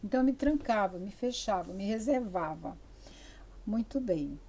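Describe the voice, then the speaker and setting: A woman's voice: mid-range voice, animated, normal speed, warm tone. An older woman from the interior of Amazonas with a Brazilian Amazonas accent, giving a lecture in a chatty, digressive way full of fillers and restarts. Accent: Amazonas interior Brazilian Portuguese. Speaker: university lecturer. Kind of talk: spoken lecture.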